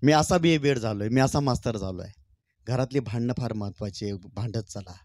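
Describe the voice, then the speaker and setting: A middle-aged man performing poems on stage. He sings slow, drawn-out refrains and then talks casually with the audience. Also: mid-range voice, dry recording, clean studio sound. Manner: sings poem refrains slowly and loudly, then talks warmly and chattily to the crowd. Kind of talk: stage poetry recital with talk to the crowd. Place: stage at a public event.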